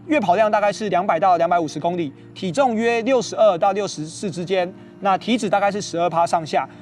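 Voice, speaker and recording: A man's voice: sits high, slight background noise. A man with a Taiwanese Mandarin accent hosting a running podcast, explaining training in an organized, step-by-step way. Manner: organized, instructional, step-by-step delivery. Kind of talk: explanatory talk to followers about training.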